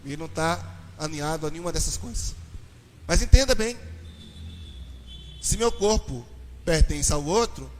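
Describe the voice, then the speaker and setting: A Brazilian man, a pastor, giving a lively church talk on marriage and questioning his audience. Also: on the high side, moderate pace, pauses often, slight background noise. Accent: Brazilian Portuguese. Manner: animated, addresses the audience with questions. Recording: reverberant hall, distant mic.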